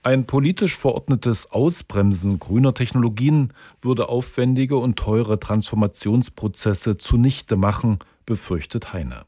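A man reading a scripted radio news report in an even reading style. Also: mid-range voice, unhurried, hardly any pauses, slightly rough, no room sound, clean studio sound.

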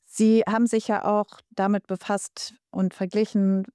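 A woman interviewing an author, measured, laying out examples before her question. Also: medium pitch, flat delivery, mellow, clear, resonant tone, no echo, clean studio sound.

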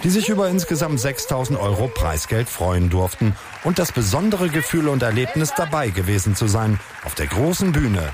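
A man narrating a scripted radio report in a lively, rhythmic manner. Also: medium pitch, normal speed, crowd noise.

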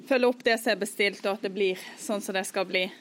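A woman's voice: mid-range voice, steady tone, fast, fairly bright tone. Woman, twenties, from Norway, process operator, interview answers, plain and practical. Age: 20s.

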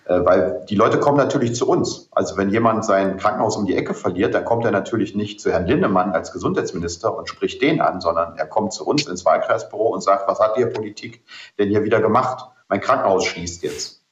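A very low-voiced man, a politician, explaining his positions earnestly and hesitating with ums as he goes. His voice carries a roomy echo, and the sound is a little dull. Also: animated, brisk, few pauses. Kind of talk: interview answers.

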